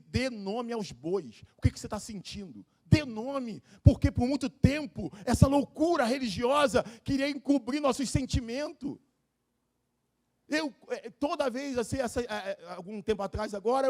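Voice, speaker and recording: At a live church service, a man preaches as pastor, moving from low, confiding talk to shouted pleas.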